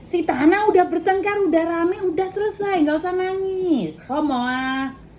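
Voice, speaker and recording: A woman, working as an agent for domestic workers. She lectures firmly and loudly while mediating over the phone. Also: very high-pitched, moderate pace, a little hiss or hum. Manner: firm, lecturing, loud.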